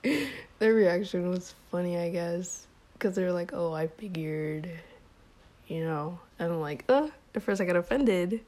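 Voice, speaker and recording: A young woman telling a personal story in a relaxed, casual vlog style. She fills her speech with "like" and small laughs, and says she feels a little sick and hot. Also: on the low side, normal speed. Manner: relaxed, heavy use of "like", frequent small laughs. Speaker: vlogger.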